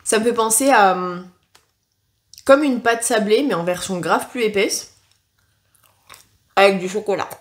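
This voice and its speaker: A woman's voice: medium pitch, measured pace, long pauses. Chatty, frank woman doing a taste test. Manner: chatty and frank, leaning on "franchement" and "concrètement"; hesitant, with frequent filler sounds and self-corrections. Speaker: food tasting vlogger. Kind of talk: casual taste-test chat to camera.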